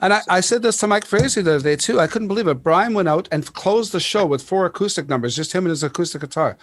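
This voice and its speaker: A man hosting a casual chat, telling stories in an animated way with laughs and many restarts. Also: high-pitched, quick pace, no echo. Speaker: podcast host.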